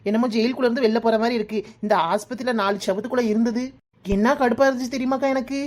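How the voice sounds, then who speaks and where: A woman's voice: fairly high pitch, steady tone, very fast, darkish tone, natural voice. A woman voicing a cheeky young village woman with a Kanyakumari Tamil accent, who keeps complaining and teasing. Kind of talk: cartoon voice acting.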